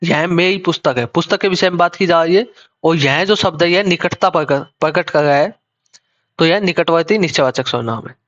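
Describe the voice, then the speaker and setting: A man with a somewhat high voice teaches a grammar lesson. He explains slowly and repeats himself, often breaking off and restarting his phrases. The recording sounds dull and lo-fi. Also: fairly bright tone. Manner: slow, repetitive explaining with self-corrections.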